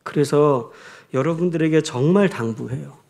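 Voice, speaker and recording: A man's voice: fairly high pitch, normal speed, gravelly, a little mellow. A male pastor preaching a sermon, telling a story and raising his voice for the quoted lines.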